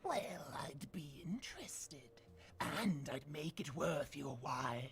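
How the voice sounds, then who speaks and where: Sly old woman, game character, hushed whispery delivery, slow, gravelly creak, cryptic. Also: low-pitched, expressive, a crowd in the background, full character voice. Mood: sly, secretive. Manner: hushed, breathy half-whispered, insinuating delivery. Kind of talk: theatrical video game character acting.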